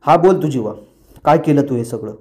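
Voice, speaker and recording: A man voicing an elder brother from a TV serial, shouting and demanding answers. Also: mid-range voice, lively intonation, normal speed, natural voice. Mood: angry.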